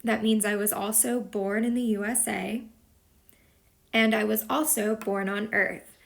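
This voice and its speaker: A woman's voice: medium pitch, fairly even intonation, a little slow, vocal fry. A woman teacher from Texas explaining a lesson patiently, step by step, as a voice-over for a whiteboard video. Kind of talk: slow explanatory lesson narration.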